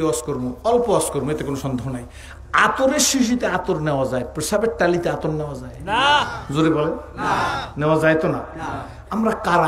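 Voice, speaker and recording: A man preaching a sermon, telling jokes and asking the crowd to answer aloud. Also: a little high. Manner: joking storyteller. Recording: echoey sermon hall recording.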